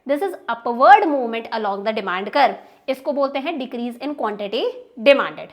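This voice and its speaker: A woman's voice: on the high side, animated, drawn-out words. A young woman with an Indian accent teaching an exam-prep economics lecture, explaining step by step, stressing key terms and often asking if students have understood. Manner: explains step by step, checks understanding with repeated questions.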